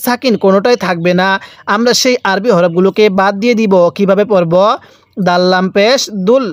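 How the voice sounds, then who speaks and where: A man's voice: high-pitched, dry recording, clean studio sound. A man teaching Quran reading step by step, spelling out letters and vowel marks, then drawing out the joined words. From Bangladesh. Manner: repeats the question "how will we read it?" as a refrain. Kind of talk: step-by-step recitation lesson.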